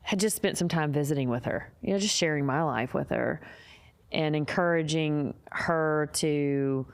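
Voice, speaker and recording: Woman podcast host, low-ish voice, earnest, animated storytelling, casual chat. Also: a little slow, smooth. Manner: animated, acts out quotes in a higher voice; earnest, faith-centered.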